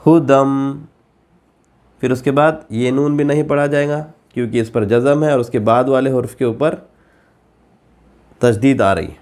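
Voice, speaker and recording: A man teaching Quran reading, spelling syllables slowly one by one and then explaining the rules in quicker asides. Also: mid-range voice, a little mellow. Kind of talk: slow letter-by-letter spelling lesson.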